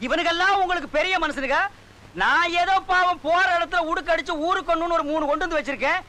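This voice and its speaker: An actor playing a loud, scornful middle-aged village sorcerer-priest in a film comedy, scolding and insulting. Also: male voice, very high voice, fast talker. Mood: ranting. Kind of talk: 1990s film comedy dialogue.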